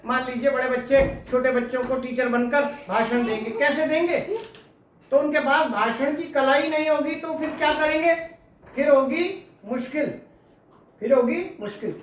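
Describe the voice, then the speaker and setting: A woman's voice: high voice, slight background noise. A woman teacher giving an exam-prep lecture who asks her students questions and then answers them herself. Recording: very echoey room, distant mic.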